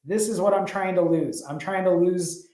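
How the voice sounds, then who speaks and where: A man's voice: sits high, moderate pace, heavy background noise. Upbeat man hosting a live stream. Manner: upbeat, encouraging, thanks viewers by name. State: a little out of breath. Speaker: fasting channel host. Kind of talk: casual live-stream chat reading viewer comments.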